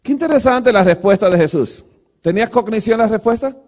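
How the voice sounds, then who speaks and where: A man giving a preaching-style lecture to a church audience, animated, asking rhetorical questions and acting out quoted dialogue. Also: high-pitched, a little fast.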